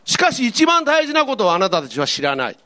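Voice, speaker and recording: A man playing Jesus in a church skit, speaking slowly and solemnly. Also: sits high, huge pitch swings, pushed and bright, heavily acted. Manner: solemn, slow declaring speech. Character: Jesus, a calm grown male teacher.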